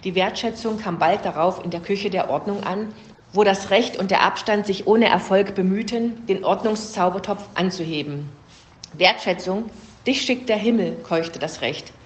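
A woman's voice: medium pitch, moderate pace. A woman reading a fable aloud as storybook narration. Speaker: reader. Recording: roomy echo.

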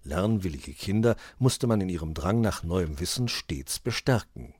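A man narrating a children's animal story in an expressive storytelling manner. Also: low-pitched, moderate pace, husky, no room sound, clean studio sound.

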